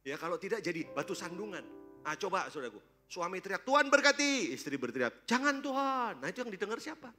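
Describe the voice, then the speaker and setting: A man preaching a sermon at a church service, lively and joking, constantly throwing questions at the congregation. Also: high-pitched, fast, soft background music. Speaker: pastor.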